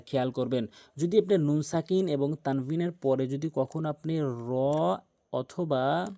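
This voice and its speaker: A man teaching Quran recitation rules, patiently repeating points with hesitation fillers and slowly drawing out the syllables he sounds out. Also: fairly high pitch, warm tone. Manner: slow, drawn-out chanting when sounding out syllables. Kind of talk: tajweed lesson with spelled-out examples.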